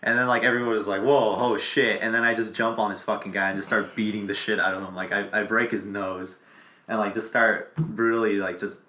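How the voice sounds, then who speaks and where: A man's voice: lowish voice, flat delivery, fast, hardly any pauses, pushed and bright, echoey room. A man in his twenties hosting a casual podcast, telling stories with lots of swearing and laughter. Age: 20s. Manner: crude, laughing storyteller. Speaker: podcast host. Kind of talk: casual chat.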